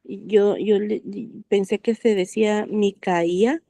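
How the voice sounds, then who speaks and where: A woman's voice: medium pitch, fairly even intonation, slow pace, mellow, dry recording. A woman joining a Bible reading circle discussion, thinking aloud with hesitant fillers and correcting herself as she goes.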